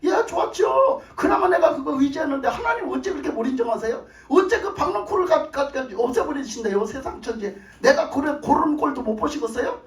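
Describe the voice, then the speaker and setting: A man voicing a sulky, resentful male prophet who grumbles and complains loudly, in an echoey hall. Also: high-pitched, fast talker, natural voice. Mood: pleading. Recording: echoey church hall from a distance.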